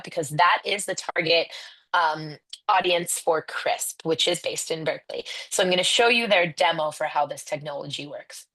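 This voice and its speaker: A woman's voice: on the low side, fairly bright tone, no room sound. A woman linguistics lecturer giving a conference talk, with wry, conversational asides.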